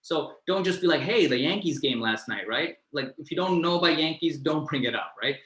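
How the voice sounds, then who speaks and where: A man from Pakistan, a finance mentor answering student questions on a video call, talking in a lively, conversational way and often adding "right?". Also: on the high side, reverberant, poor audio. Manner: fast, animated, conversational, lots of "right?" tags.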